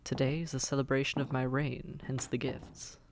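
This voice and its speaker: In an intimate audio roleplay, a man voices a suave, teasing demon prince of Hell, his gravelly, unhurried delivery coaxing and often sinking toward a whisper. The mid-range voice stays close to an everyday sound with little pitch movement, the mood sly and regal, over a noisy background.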